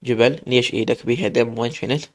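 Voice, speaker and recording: A man's voice: medium pitch, fast, darkish tone, lightly acted. A man with an Iraqi accent voicing an anxious young wife and mother, pleading and worried. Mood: frightened.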